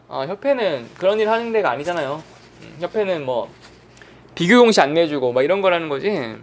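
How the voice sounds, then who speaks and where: A man lecturing for an online exam prep course, his voice sitting high and swinging widely up and down. He talks casually, throwing questions at the class and answering them himself. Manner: animated, asks and answers his own questions. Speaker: insurance exam instructor.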